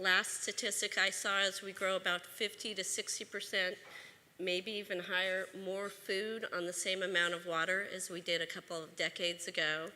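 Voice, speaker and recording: Bright-voiced woman giving a policy speech. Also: mid-range voice, a little hiss or hum. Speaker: state agriculture official giving a talk. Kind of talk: prepared conference speech. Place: conference hall. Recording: reverberant hall sound.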